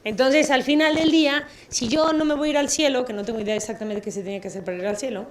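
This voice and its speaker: Brief: woman lecturer with a fairly high voice, lively and playful with the audience. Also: quick pace. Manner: lively, asks the audience questions, playful asides. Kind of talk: public talk with audience questions. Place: auditorium.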